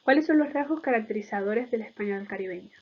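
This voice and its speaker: A woman's voice: fairly high pitch, animated, fast, lo-fi sound. A woman giving an explanatory lecture in a didactic way, often checking in with short tag questions.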